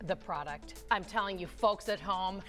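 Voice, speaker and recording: A woman's voice: medium pitch, moderate pace, a bit bright, faint music behind. An American woman presenting and interviewing as host of an upbeat lifestyle TV show.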